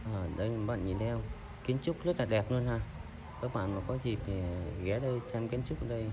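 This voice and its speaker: A man's voice: medium pitch, fairly quick, background noise. Chatty man filming a walking tour. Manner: chatty, addresses viewers directly. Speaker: vlogger. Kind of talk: casual walking tour narration. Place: outdoors and inside a wooden church. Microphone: phone camera held while walking.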